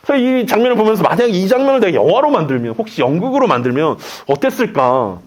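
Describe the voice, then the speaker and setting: A man's voice: high-pitched, quick pace. A male pastor preaching a sermon, dramatizing the scene as he tells it. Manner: animated, dramatizing, storytelling.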